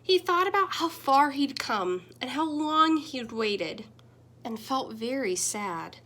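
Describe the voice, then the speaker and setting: Here a young adult woman reads slowly from a picture book for kids, sounding like a teacher. Gentle but lively, she lets her pitch and volume rise and fall sharply.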